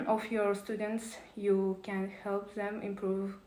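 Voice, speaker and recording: A woman's voice: medium pitch, flat delivery, slow, dark tone, reverberant, low-quality recording. A woman presenting a prepared talk on teaching, reading carefully with small restarts.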